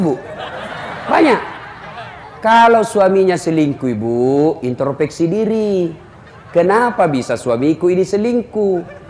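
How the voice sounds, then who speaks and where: A man giving a humorous sermon, animated and shouting out his punchlines. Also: sits high. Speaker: preacher. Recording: echoey hall with faint background noise.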